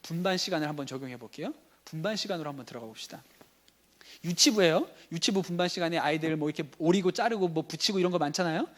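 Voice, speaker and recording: A man's voice: a little high, quick pace. A man preaching a sermon as pastor, talking conversationally and asking the congregation rhetorical questions. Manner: conversational, acts out everyday dialogue. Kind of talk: sermon at a teachers' revival meeting.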